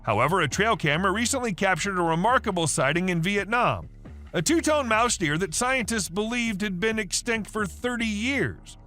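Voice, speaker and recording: Bright, high-pitched man narrating wildlife clips. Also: lively intonation, moderate pace, faint music behind. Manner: chatty storytelling with rhetorical asides to the listener. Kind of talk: scripted wildlife video narration.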